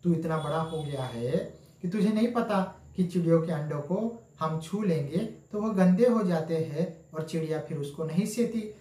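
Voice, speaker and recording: A man's voice: fairly high pitch, expressive, moderate pace, mellow, reverberant, natural voice. A male teacher reading a mother's scolding lines from a story, in a lecturing tone. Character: scolding mother, stern and worried.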